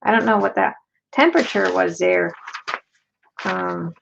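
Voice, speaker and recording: Chatting casually on a live stream while she crafts, this middle-aged woman drops Spanish phrases into her tutorial. She speaks at a measured pace in a fairly low pitch with vocal fry. A desk mic mounted over the overhead craft camera gives slightly dull sound and a faint hiss.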